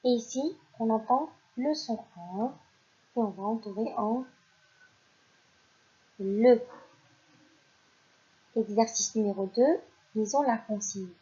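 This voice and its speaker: A woman teaching a phonics lesson to young children, speaking clearly and encouragingly and praising the pupils as she goes. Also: on the high side, slow, long pauses, warm tone. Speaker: primary school teacher. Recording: dull lo-fi recording.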